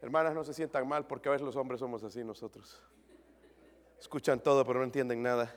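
A man preaching a sermon to his congregation, swinging from loud pleading to quiet confiding, with jokes and questions to the listeners. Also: medium pitch, fairly even intonation, a little fast, in a large hall. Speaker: pastor.

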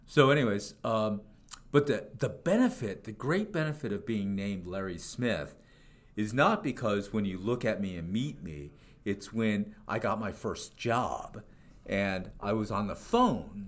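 Older guy in his 60s, lowish voice, jokey rambling podcast chat. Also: expressive, unhurried. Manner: jokey, rambling with many fillers. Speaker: podcast co-host. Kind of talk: casual chat.

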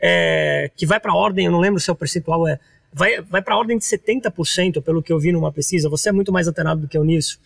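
A man's voice: a little high, quick pace, vocal fry, no room sound, studio quality. A man from Brazil hosting a podcast, chatty in casual conversation, often finishing his guest's sentences. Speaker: podcast host.

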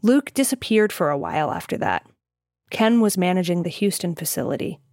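A woman's voice: on the low side, no echo, clean studio sound. Woman narrating a documentary podcast. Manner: measured, even storytelling delivery.

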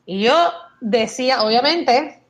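A Puerto Rican woman in her thirties, a podcast guest sharing her experience, tells lively stories in casual chat, slipping English words into her Spanish. Her voice is fairly high and slow, and the recording has its highs cut off.

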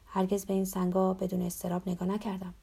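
A tired, gentle older priest in a storybook reading, softly pleading and half-whispering to a condemned man, as a woman narrator puts him on. His voice comes out dark and mellow with a gravelly edge. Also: medium pitch, monotone. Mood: solemn. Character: weary, gentle older male prison priest.

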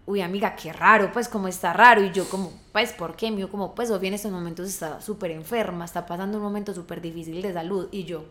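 A young woman with a Colombian accent, mid-pitched, tells a personal story in relaxed podcast chat. She is expressive and quotes her friends in shifting voices. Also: quick pace, hardly any pauses, slight background noise. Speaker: podcast co-host.

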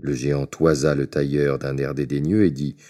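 Brief: male storyteller reading a fairy tale, very deep, mellow, measured. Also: flat delivery.

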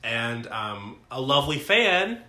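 Young man, podcast co-host, casual chat, bright voice, echoey room. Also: medium pitch, sing-song, slow pace. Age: 20s. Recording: roomy, echoing sound.

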